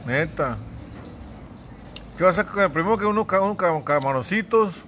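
A man's voice: high voice, expressive, moderate pace, fairly bright tone, a little hiss or hum. A man with a Mexican accent teasing a friend in casual chat at a seafood restaurant, laughing often. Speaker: vlogger filming a friend.

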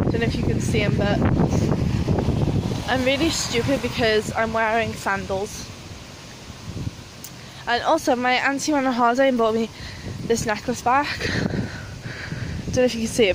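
A young woman whose voice is on the high side chats casually in a rambling, giggly way, with a noisy background. It's a vlog filmed on a phone held at arm's length, starting in a small flat and ending up on a windy street.

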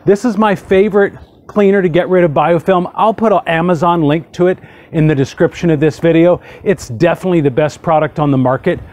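A man in his forties hosts a casual hot tub how-to demo in a backyard, standing beside the tub and chatting upbeat as he works. His voice is on the high side, brisk, and a little mellow.

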